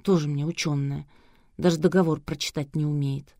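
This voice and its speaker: A woman's voice: low voice, steady tone, normal speed, warm tone, no echo, clean studio sound. A woman reading a prim disapproving woman. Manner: disapproving, sniping. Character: prim disapproving young woman, sharp-tongued.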